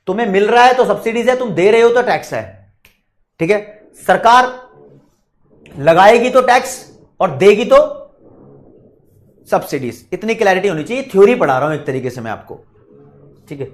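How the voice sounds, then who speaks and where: A man with an Indian accent teaching an online exam-prep lecture, chatty and repetitive, talking straight to his students. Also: high-pitched. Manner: chatty, repetitive, mixes English terms into Hindi; addresses students directly, reads their questions.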